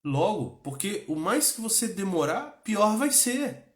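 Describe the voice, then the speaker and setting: An impassioned Brazilian man teaches a religion class in Brazilian Portuguese, repeating himself and tagging lines with "né?" often. His voice is high and sing-song, his pace a little slow, and the room sounds spacious.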